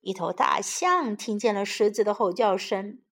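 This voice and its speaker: A woman teacher narrating a children's story in a slow, gentle storytelling manner. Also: medium pitch, expressive.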